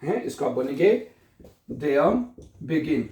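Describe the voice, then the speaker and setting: A man's voice: fairly high pitch, lively intonation, slow pace, darkish tone, echoey room, a little hiss or hum. A male language teacher giving a vocabulary lesson in Urdu, repeating each word several times as a drill.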